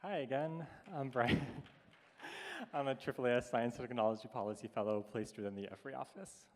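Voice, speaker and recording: A man, a science policy fellow, giving a brisk self-introduction. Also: medium pitch, darkish tone. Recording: distant mic, hall reverb.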